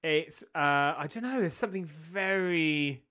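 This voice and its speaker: A man's voice: fairly high pitch, measured pace, sharp tone. A man, chatting casually as co-host of a music podcast.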